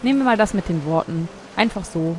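A woman's voice: lowish voice, animated, fairly quick, noisy background. A woman giving casual let's play commentary, thinking aloud as she plays. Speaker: let's player. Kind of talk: casual game commentary, reading dialogue options aloud.

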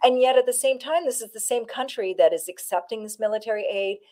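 A woman's voice: fairly high pitch, quick pace. Woman arguing firmly in an interview. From Canada. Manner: firm, forceful argument, stressing key points. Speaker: guest, former negotiator. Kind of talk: political interview.

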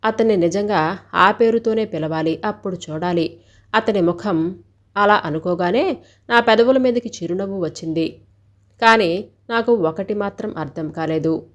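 A woman reading a scripted first-person story in a steady, even storytelling delivery. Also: mid-range voice, moderate pace.

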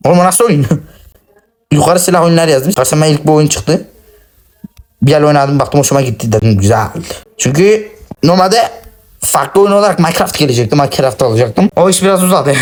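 A man giving excitable, cursing, self-mocking commentary while playing a shooter game on his phone. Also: medium pitch. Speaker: gaming channel host. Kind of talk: casual gameplay commentary.

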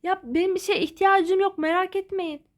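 A teenage girl locked in an asylum in a toy-figure story drama, voiced by a woman, exasperated and pleading, with a high voice. She keeps insisting she is not mad. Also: steady tone, moderate pace.

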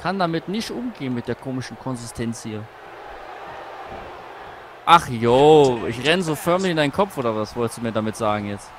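A man commentating a wrestling video game with a friend, excitable, shouting and groaning at the action and teasing his opponent. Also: medium pitch, normal speed, background noise. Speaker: let's play co-host.

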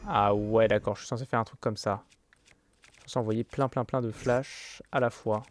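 A man's voice: on the low side, fairly even intonation, normal speed, a little hiss or hum. A man playing a video game and thinking aloud, getting exasperated and swearing at it. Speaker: gaming YouTuber. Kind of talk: let's play commentary. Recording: game music playing behind.

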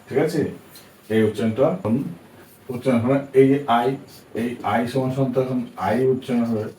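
Spelling out letters with patience, this Bengali-speaking teacher leads a lesson on spoken English pronunciation and keeps making sure his students follow along. He speaks briskly in a warm, steady, mid-range voice. Recorded in an echoey room at a distance from the microphone, with faint hiss.

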